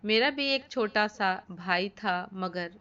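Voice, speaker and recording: A woman reading as a gentle young fruit seller. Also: mid-range voice, slow pace, clean tone. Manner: gentle, affectionate. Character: kind young girl selling watermelons. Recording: dull lo-fi recording.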